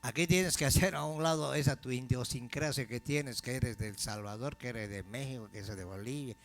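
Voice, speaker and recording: A man preaching a sermon as pastor, asking the congregation questions and slowing down to stress key phrases. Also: medium pitch. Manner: call-and-response questions to the congregation.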